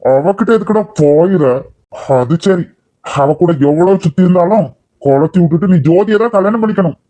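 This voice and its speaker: A contemptuous middle-aged father, voiced by a man, scolds his son in a cartoon. His voice sits a little high with a mellow tone, and every line comes out harsh. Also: moderate pace, natural voice. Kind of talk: cartoon voice acting.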